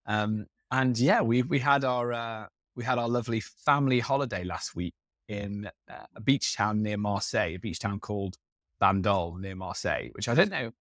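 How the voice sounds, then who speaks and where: A man from England in his thirties co-hosts a podcast, chatting casually and rambling with lots of fillers and restarts. His voice is on the low side and fairly bright, at a moderate pace, in a dry, studio-quality recording.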